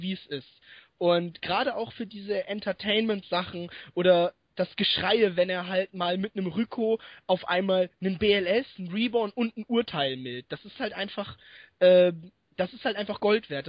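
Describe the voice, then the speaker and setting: Man, casual podcast co-host, high voice, rambling with fillers, dry dull recording. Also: no room sound. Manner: rambling, frequent fillers, laughs often.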